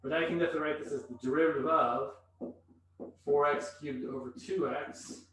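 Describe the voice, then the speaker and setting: This math instructor's voice is a little high, steady, a bit bright and fairly quick as he lectures on calculus, talking through his thinking while writing on the board. The classroom recording is echoey and distant, with a little hiss or hum.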